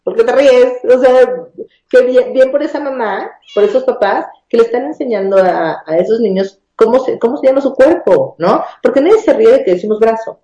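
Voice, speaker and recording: A Mexican woman talks through a topic in a relaxed, explanatory way. Her voice is mellow and dark, and the room adds a noticeable echo. She restarts phrases often and checks in with little tag questions. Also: on the high side, brisk, highs cut off. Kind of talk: casual conversational explanation.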